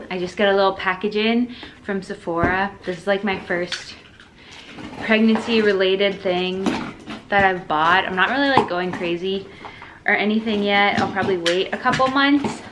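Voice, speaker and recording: A woman's voice: mid-range voice, noisy background. A young woman, early in pregnancy, chatting casually to camera as a vlogger, full of "like" and "freaking".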